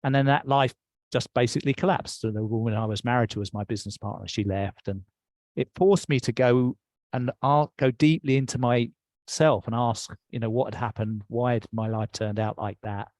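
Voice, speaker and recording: A man's voice: mid-range voice, moderate pace, darkish tone, dry recording. A middle-aged man with an English accent, a guest telling his life story in a reflective way. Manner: reflective, recounts with quoted dialogue. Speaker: interview guest. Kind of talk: personal storytelling.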